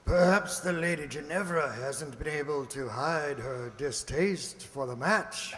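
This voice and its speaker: Man playing Doctor Watson, highish and echoey. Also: measured pace, a bit bright. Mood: inquiring. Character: blunt, slightly grumpy gentleman doctor sidekick. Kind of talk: radio play acting. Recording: noisy, echoey hall recording.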